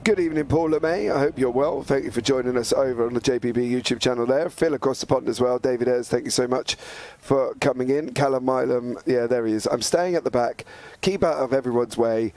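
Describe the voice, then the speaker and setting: A man with a croaky, post-flu voice of medium pitch chats and excitedly narrates live sim racing action as a commentator.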